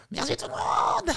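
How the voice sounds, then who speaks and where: A man voicing a giggly, excitable male streamer obsessed with fire, full of nervous laughter.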